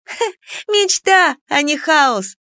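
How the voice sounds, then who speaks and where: Lady doing a high bouncy little creature girl, teasing, voice jumps around. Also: expressive, takes it slowly, sharp tone, no echo, studio quality, heavily acted. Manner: teasing, grumbling. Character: playful small female creature companion.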